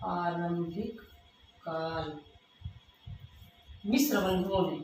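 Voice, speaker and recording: Slow-dictating woman teacher in an echoey room. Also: on the low side, darkish tone. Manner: repeats terms slowly, word by word, calls students 'beta'. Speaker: Hindi literature teacher. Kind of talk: dictation-paced exam lesson. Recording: echoey room from far off, faint hiss.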